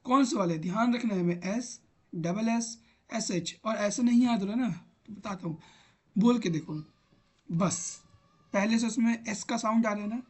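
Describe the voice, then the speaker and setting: A man teaching an online grammar lesson, patiently repeating examples aloud as he types on screen. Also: high-pitched. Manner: talks while typing on screen.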